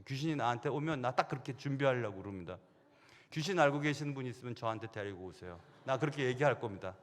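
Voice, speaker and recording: A man's voice: medium pitch, fast. A middle-aged man preaching a sermon as senior pastor, telling stories animatedly. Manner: animated storytelling, acting out quoted voices. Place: church sanctuary. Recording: long hall reverb.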